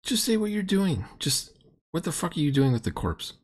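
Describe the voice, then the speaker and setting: This middle-aged reaction video host delivers unscripted, sarcastic and exasperated remarks while critiquing a role-playing session. His husky voice sits on the high side, swinging widely in pitch at a normal speed.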